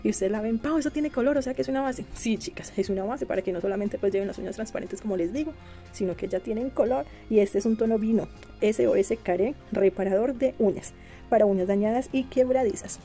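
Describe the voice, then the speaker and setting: A woman's voice: mid-range voice, a little fast, dark tone, faint music behind. Gushing Medellín-accented woman vlogger. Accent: Colombian, from Medellín. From Colombia. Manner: chatty and gushing, calls viewers "chicas" and "mis amores". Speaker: beauty vlogger. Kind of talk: casual product review for viewers.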